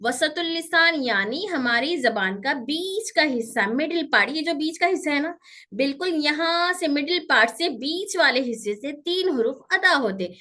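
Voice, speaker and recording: A woman teaching pronunciation to children, explaining slowly and drilling sounds by repeating them, strict when pupils misbehave. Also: high voice, animated, bright, forceful tone. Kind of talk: online Quran pronunciation lesson.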